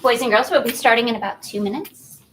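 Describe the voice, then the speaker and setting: A woman's voice: a little high, quick pace, a little hiss or hum, rough recording. A woman running a school spelling bee, giving firm, step-by-step instructions to students. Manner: firm, instructive, repeats rules. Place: school event room.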